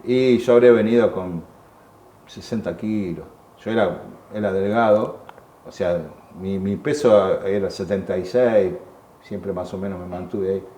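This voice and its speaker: Speaking Argentine Spanish in a low, dark voice, a man in his sixties recounts his experiences as a war veteran during an interview. The museum room echoes with a faint hum, and his emotional account is halting, with repeated words and acted-out quotations.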